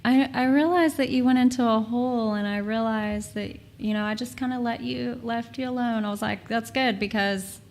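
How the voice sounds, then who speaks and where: A woman in her mid-thirties speaks with a gravelly rasp at a middling pitch, talking frankly as a guest on a casual podcast. She laughs often and drops the odd swear word. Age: 30s. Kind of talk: casual chat.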